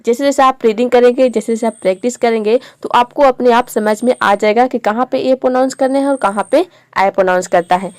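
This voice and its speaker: A woman's voice: on the high side, fast, darkish tone, no room sound, clean studio sound. A woman giving a video lesson on English pronunciation, explaining each rule patiently and repeating the example words. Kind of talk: classroom-style video lesson.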